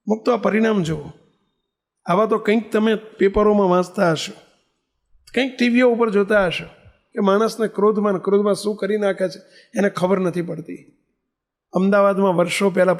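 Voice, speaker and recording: A man with a Gujarati accent giving a sermon as a swami, telling stories and acting out the dialogue, repeating phrases for emphasis. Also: high voice. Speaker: swami giving a religious discourse. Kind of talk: sermon with storytelling.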